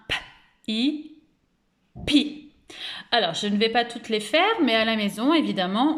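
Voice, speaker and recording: A woman kindergarten teacher giving a recorded reading lesson for parents and children, patient and encouraging, stretching and exaggerating each sound as she says it. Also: mid-range voice. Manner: slow, exaggerated articulation of sounds.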